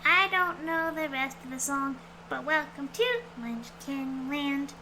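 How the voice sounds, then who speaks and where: A woman's voice: high-pitched, expressive, slow pace. A woman streaming a game with casual, rambling, playful commentary in a cute anime-streamer manner. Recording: clearly noisy background.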